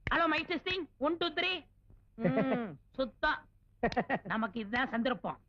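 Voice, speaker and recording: A man's voice: very high voice, expressive, unhurried, a little hiss or hum. An actor playing a sly, cheeky sidekick who schemes and mocks his boss in a comedy film scene. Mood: mocking. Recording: dull lo-fi old film audio.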